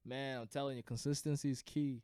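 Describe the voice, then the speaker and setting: A man's voice: medium pitch, fairly even intonation, a little fast, mellow, smooth, dry recording, clean studio sound. A young man from Burundi, a guest DJ, talking in a laid-back, slangy way with plenty of "man" and "you know.". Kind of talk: casual podcast interview.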